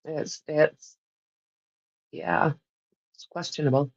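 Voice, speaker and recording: Her voice sits low and steady at a slow pace, captured on a dry recording with dull audio. She is a livestream host with a Canadian accent, casually rambling with live viewers and often laughing.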